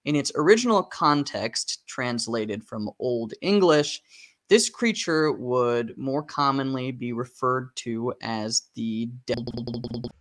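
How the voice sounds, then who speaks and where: A man narrating a video in a casual scripted style, chatty, with joking asides, and a voice that is going a little hoarse. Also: medium pitch, animated, takes it slowly, a bit bright. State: losing his voice. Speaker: YouTube narrator.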